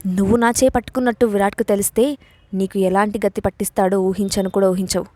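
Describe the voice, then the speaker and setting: A woman's voice: medium pitch, fairly even intonation, fast, warm tone, dry recording, natural voice. A woman voicing a feisty, defiant young woman. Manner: indignant, snapping back. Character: feisty young bride, defiant and hot-tempered.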